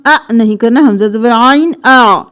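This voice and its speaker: A woman teaching Quran pronunciation, reciting verses slowly and then explaining the correct sounds in quick asides. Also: a little high, fairly bright tone. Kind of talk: tajweed lesson with slow recitation.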